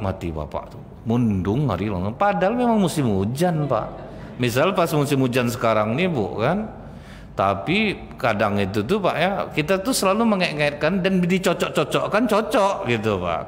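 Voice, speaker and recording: A male preacher giving a conversational sermon, constantly addressing his listeners as sir and ma'am. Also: medium pitch. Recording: echoey hall, faint noise.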